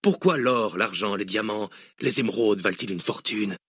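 A male audiobook reader voicing a cynical, deranged hooded villain who lectures mockingly and erupts into shouts. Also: on the low side, normal speed, breathy edge, no echo, clean studio sound. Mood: lecturing. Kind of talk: audiobook reading.

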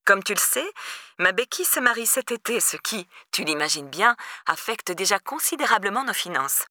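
A woman reading an audiobook and voicing a cool, condescending woman who speaks softly and measuredly, with little hums between phrases. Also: medium pitch, expressive, no echo, clean studio sound. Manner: soft, measured, with hummed fillers. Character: cool, condescending woman leaving a voicemail, prone to humming.

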